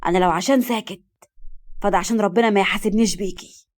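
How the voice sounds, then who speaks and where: A woman's voice: medium pitch, rapid-fire, darkish tone, natural voice. A woman with an Egyptian accent voicing a commanding, hot-tempered young man in her own voice. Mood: angry. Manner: commanding, firm.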